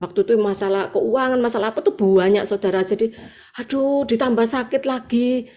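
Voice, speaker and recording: A woman with a Javanese accent tells a church testimony over a video call, acting out quotes and exclaiming as she goes. Her voice sits fairly high but sounds mellow and warm. It is an earnest, vivid spoken story. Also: a little fast. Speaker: church member giving testimony. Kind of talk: personal testimony at an online prayer meeting.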